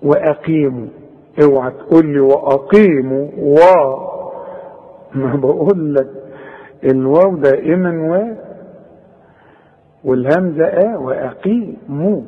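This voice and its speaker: High-voiced Egyptian man teaching recitation. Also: warm tone, breathy edge. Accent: Egyptian Arabic. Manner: drills sounds, models correct and wrong pronunciations, chiding. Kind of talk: tajweed lesson with corrections. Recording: echoey, dull lo-fi tape recording.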